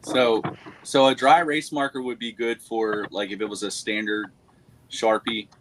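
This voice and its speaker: Low-voiced practical man explaining. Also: level tone, normal speed, a bit bright, a little hiss or hum, low-quality recording. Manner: practical, explains steps, hesitant fillers. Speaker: reseller show co-host. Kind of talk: casual group chat.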